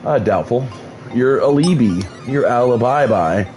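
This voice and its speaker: With soft background music playing, a man in the mid range speaks expressively, a little slowly and a little mellow. He is streaming a game and giving loose, rambling commentary with frequent restarts and casual swearing, while losing his voice and with his mouth numb.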